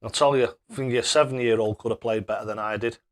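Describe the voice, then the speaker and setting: A man's voice: mid-range voice, fairly even intonation, fast talker. Matey man chatting on stream. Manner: self-deprecating, matey. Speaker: live streamer playing darts. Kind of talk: casual live-stream chat.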